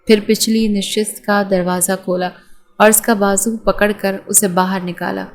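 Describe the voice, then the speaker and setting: A woman's voice: mid-range voice, flat delivery. Woman narrating a romance novel. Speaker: audiobook narrator.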